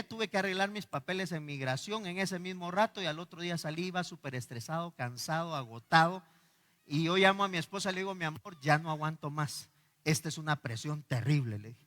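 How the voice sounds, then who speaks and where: Animated Guatemalan pastor in an echoey hall. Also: male voice, fairly high pitch. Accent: Guatemalan Spanish. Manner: animated storyteller acting out dialogue, laughing. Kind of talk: sermon with personal storytelling. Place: church hall.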